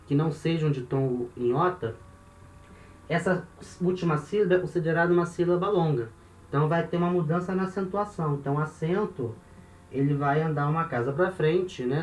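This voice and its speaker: A man teaching a recorded lesson in a patient, steady way. He checks in often with short tag questions and slows down to repeat word forms. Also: a little high, lo-fi sound. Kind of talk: recorded lesson explaining grammar. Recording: echoey room with faint noise.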